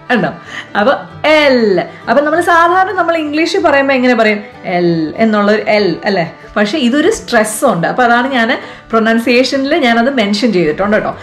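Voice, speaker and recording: A woman with a Malayali accent hosting a casual lesson for children, chatty and coaxing, asking the viewer questions. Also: sits high. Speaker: vlog host teaching French to kids.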